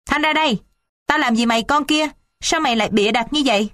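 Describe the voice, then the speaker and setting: A woman voicing a bad-tempered middle-aged father who shouts and scolds his family. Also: very high voice, lively intonation, moderate pace, no echo, studio quality. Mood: angry shouting.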